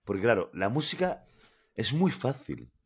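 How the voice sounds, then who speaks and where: A man's voice: medium pitch, huge pitch swings, normal speed, husky. A man with a Spanish accent from Spain, co-hosting a casual podcast and running a playful quiz, reading ad copy aloud.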